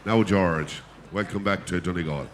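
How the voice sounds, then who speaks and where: A man's voice: low-pitched, moderate pace. A man announcing a live sheep shearing competition, rallying the crowd with banter as he commentates. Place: livestock show competition. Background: clear event noise.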